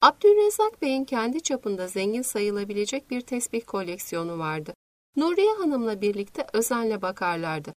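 A woman reading a novel aloud in measured, scripted narration. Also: mid-range voice, sing-song, no room sound. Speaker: audiobook narrator.

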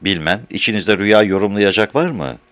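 A man's voice: fairly low pitch, fairly quick, a bit bright, dry recording, close to an everyday voice. A man voicing a chatty woman artist who tells her dream in an emphatic, insistent and slightly impatient way.

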